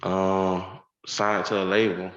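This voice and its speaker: A man in his twenties testifying as a defendant, giving hesitant, halting answers, heard on a courtroom recording. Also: sits low, little pitch movement, a bit bright. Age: 20s. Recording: roomy, dull courtroom audio.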